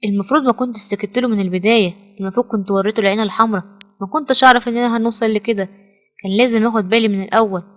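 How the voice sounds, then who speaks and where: A woman doing a fed-up young woman, egyptian arabic, sharp, talks super fast. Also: fairly high pitch, fairly even intonation, close to an everyday voice. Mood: muttering. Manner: sharp, exasperated.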